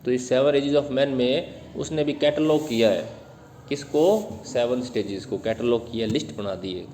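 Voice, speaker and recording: A male teacher lecturing in Hindi on English poetry, asking questions and answering them himself, and reading English lines slowly word by word. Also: medium pitch, warm tone, long reverb tail, slight background noise.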